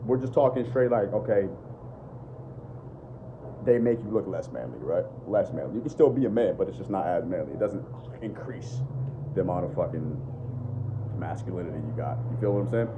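This dating and self-improvement vlogger, a deep-voiced young adult, riffs unscripted to a phone camera held out at arm's length in his living room. His intonation is lively and his pace fairly quick, but he pauses often; he's blunt, profane, and leans on "bro" and "bottom line." The sound is dull, with noise behind him.

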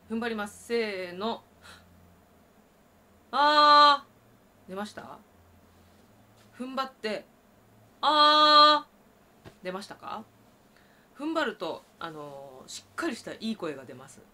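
A woman teaching traditional Japanese singing, explaining breath and voice and breaking into loud sustained sung tones. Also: fairly low pitch, a little hiss or hum. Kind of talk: vocal lesson with sung demonstrations.

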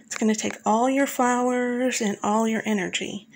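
A woman narrating a scripted voice-over guide, speaking in a calm and instructive way and addressing the listener directly. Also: fairly high pitch, moderate pace, low-quality recording. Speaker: flower farmer and channel host.

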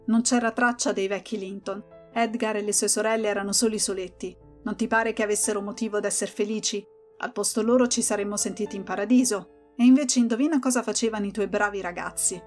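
A woman reads an audiobook aloud, telling a first-person story with plenty of expression. Her voice sits at an ordinary middle pitch for a woman. Faint music plays softly behind her. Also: steady tone, brisk. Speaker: audiobook narrator. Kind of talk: scripted audiobook narration.

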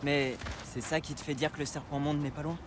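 A man's voice: on the high side, flat delivery, fairly quick, lightly acted. Actor as an earnest teenage boy over noisy ambience. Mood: curious. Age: young. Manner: earnest, youthful. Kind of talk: video game drama acting. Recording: noisy game ambience behind.

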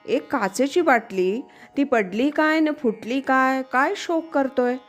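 A woman's voice: high voice, slow, soft background music, pitched above the performer's own voice. A woman doing an exasperated ancient king. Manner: exasperated, scolding. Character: grieving, irritated ancient king, male.

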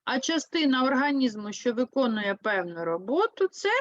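Lively Ukrainian woman teaching young kids. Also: fairly high pitch, dry recording, lo-fi sound. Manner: slow, clear, explains with lively emphasis. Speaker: primary school teacher. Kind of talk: online lesson for third graders.

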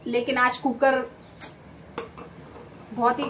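A young woman from Uttarakhand talks to a camera set up in her kitchen as she cooks. She rambles chattily, with plenty of filler words, in a fairly high voice. Faint noise hangs behind her. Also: flat delivery, slow pace, a bit bright. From Uttarakhand, India. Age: young adult. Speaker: vlogger. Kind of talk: casual chat while cooking. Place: home kitchen beside a window onto a busy highway. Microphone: fixed camera placed in the kitchen.

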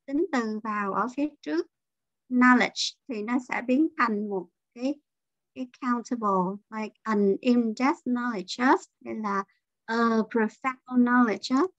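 Woman, teacher, high voice, online lesson, dull lo-fi sound. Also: takes it slowly, no room sound. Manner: drills pronunciation, mixes English terms into explanations. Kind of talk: online class instruction.

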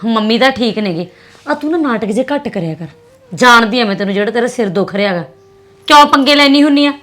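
A young woman with a Punjabi accent acting a sharp, scolding sister in a drama. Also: on the high side, expressive. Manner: scolding and fast-talking. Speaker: actress playing a sister.

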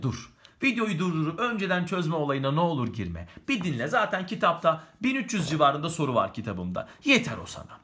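A man's voice: on the high side, bright, forceful tone, breathy edge. A man teaching an exam-prep lesson, talking chattily and addressing the viewer directly as he works through questions.

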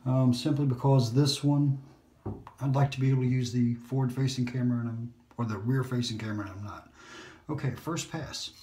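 A man's voice: mid-range voice, steady tone, fairly quick, dark tone. A man chatting casually while he shaves, rambling and poking fun at himself, sometimes sliding into a whisper. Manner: rambling and self-deprecating, drops to whispers at times. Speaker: shaving vlogger. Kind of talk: casual narration while shaving. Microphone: phone or camera on a holder. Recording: roomy home recording.

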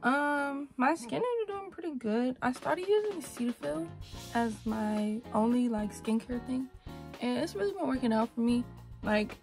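A woman's voice: a little high, vocal fry. A young woman vlogging casually in her bedroom, rambling and chatty, with a morning voice after just waking up. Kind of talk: casual vlog chat. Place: bedroom, indoors.

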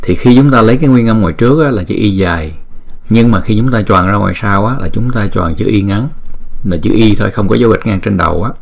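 A man with a fairly low voice leads a patient pronunciation lesson. He breaks each word into sounds and says them again and again, slow and clear, like a teacher showing a class. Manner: patient, repeats each sound slowly to demonstrate; chants the mantra slowly and drawn out.

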